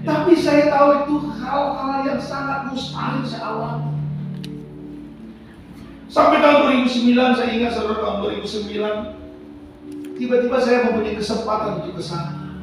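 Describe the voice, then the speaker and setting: High-voiced older preacher in an echoey hall. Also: male voice, steady tone, moderate pace, pauses often. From Sumatra. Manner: addresses the congregation as "saudara" constantly. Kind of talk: sermon with personal stories. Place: church hall. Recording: echoey hall from far off with music.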